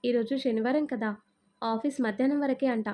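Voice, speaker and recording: A gentle young daughter-in-law replies politely and patiently, as a woman reading the tale voices her. The voice is fairly high with a warm, mellow tone. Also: fairly even intonation, normal speed, lightly acted. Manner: polite, soft-spoken.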